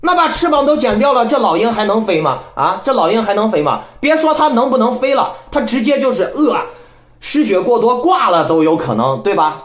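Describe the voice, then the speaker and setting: A man delivering political commentary as the host of his own channel, speaking a little high and swinging his pitch up and down in a lively way. He lectures and scolds, keeps turning to his listeners to ask if they agree, and sounds like he is in an echoey room. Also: a little fast. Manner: rhetorical, keeps asking listeners "right?".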